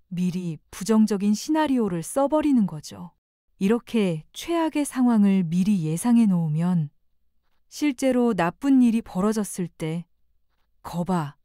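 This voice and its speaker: A woman reading a scripted self-help narration in a calm, reflective, gently persuasive way. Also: mid-range voice, no echo, clean studio sound.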